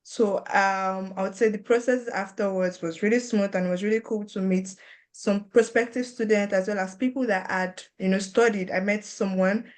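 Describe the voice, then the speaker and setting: Woman with a medium-pitched voice. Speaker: master's student. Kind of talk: casual testimonial on a panel chat.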